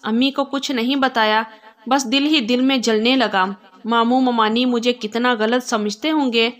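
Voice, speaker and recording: A woman voicing a gentle lovesick young man who speaks softly and pleads. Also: a little high, steady tone, close to an everyday voice. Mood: sad pleading. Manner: soft and pleading.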